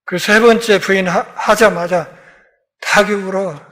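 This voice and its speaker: A man pastor giving a Bible lecture sermon, telling the story and acting out the characters' dialogue, moving between loud emphatic passages and quiet, low ones. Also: fairly even intonation, measured pace.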